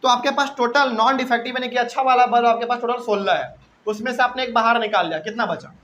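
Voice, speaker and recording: High-voiced man teaching math. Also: fairly even intonation, fast talker, fairly bright tone, a little hiss or hum, poor audio. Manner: explains step by step, asking and answering his own questions. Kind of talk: classroom math lesson.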